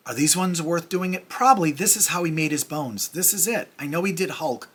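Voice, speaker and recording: A man's voice: a little high, fairly quick, fairly bright tone, slightly rough. A middle-aged man hosting a casual comic review vlog, chatty and rambling with self-deprecating asides. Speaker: comic review channel host.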